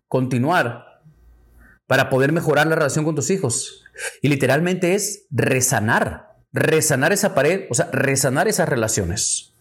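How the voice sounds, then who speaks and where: Male host, slightly high voice, direct conversational teaching tone. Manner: conversational, addresses listener directly, repeats phrases. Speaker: podcast host and spiritual teacher. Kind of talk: teaching talk on forgiveness.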